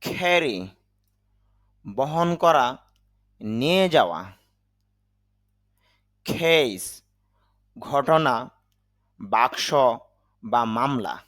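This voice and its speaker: Guy doing an english vocab lesson, slow and careful, spells out each sound, dry close mic. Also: mid-range voice, animated, a bit bright, no echo. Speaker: English teacher.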